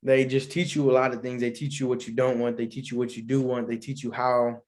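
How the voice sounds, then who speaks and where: Flat, brisk and a little mellow, this young man's medium-pitched voice carries a solo podcast where he answers questions casually. His talk rambles, full of slang and side comments.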